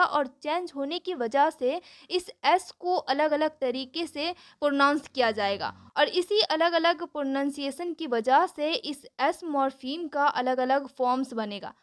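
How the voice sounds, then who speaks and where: A woman teaching a lesson, explaining step by step and repeating her points, with a few hesitations. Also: high-pitched.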